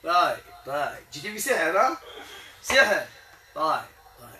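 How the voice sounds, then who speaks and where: High-voiced Moroccan man leading a healing session. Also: sing-song, moderate pace, pushed and bright, echoey room, far from the mic. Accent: Moroccan Arabic. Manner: coaxing, repeats short questions and prayers. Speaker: Quran healer.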